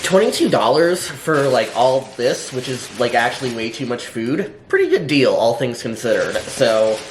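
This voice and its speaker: A man's voice: medium pitch, big pitch swings, moderate pace. A hungover man giving a casual, unscripted food review in a rambling, hesitant, dryly sardonic way, full of filler words. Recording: roomy echo, faint background noise.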